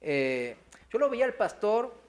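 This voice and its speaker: The pastor's high-pitched voice swings widely in pitch, and his pace is a little slow. He tells his sermon testimony as a story in a church hall, performing the quoted voices and questioning the congregation as he goes.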